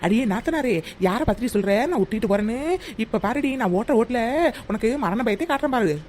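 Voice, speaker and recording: A woman's voice: fairly high pitch, expressive, a little mellow, slight background noise, lightly acted. A woman voicing Chinnaponnu, a mischievous young sister-in-law in a cartoon, teasing and scheming. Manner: teasing, fast, giggly scheming. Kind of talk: cartoon voice acting.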